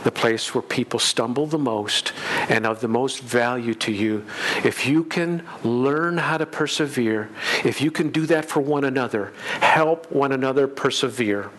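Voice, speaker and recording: A middle-aged American man preaching in a folksy, unhurried storytelling style, repeating phrases for emphasis. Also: fairly bright tone. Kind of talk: storytelling sermon. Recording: noisy recording with low rumble.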